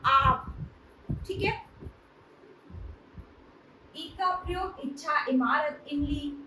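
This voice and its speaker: Woman teacher, very high voice, patient step-by-step explainer; distant mic in an echoey room with loud noise. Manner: explains step by step, often checks in with "thik hai". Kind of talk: classroom grammar lesson.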